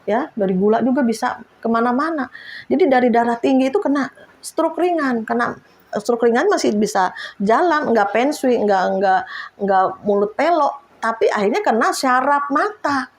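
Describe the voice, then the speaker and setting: A woman's voice: a little high, expressive, normal speed. A woman in her fifties, an evangelist preacher, giving a chatty sermon testimony and often laughing as she talks to the congregation.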